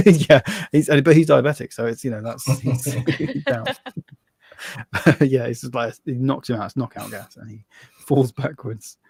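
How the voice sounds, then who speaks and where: A man's voice: mid-range voice, a little slow, vocal fry, a little mellow, husky, dry recording. Man, game master, tabletop narration, rambling, laughs a lot, dry close sound. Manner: laughs often, loose and rambling.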